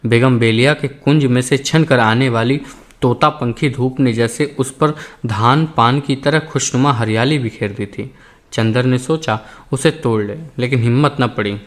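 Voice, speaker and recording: A man narrating a novel as an audiobook in a measured, expressive reading. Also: medium pitch. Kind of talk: scripted narration.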